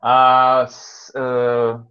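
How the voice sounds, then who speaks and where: A tired male teacher explaining vocabulary to a class over a video call, patient and slow, often checking that students follow. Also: medium pitch, completely flat delivery, bright, forceful tone, clean tone, lo-fi sound. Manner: patient, repeats words slowly and checks understanding often. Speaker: English teacher.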